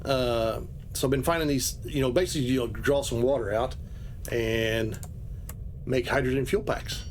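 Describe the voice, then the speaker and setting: A male game streamer talks at an ordinary, mid-range pitch. He gives loose, rambling explanations as he plays, full of "uh" and "you know.". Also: normal speed, slight background noise. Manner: casual, rambling explanations with many fillers. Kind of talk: live gameplay commentary.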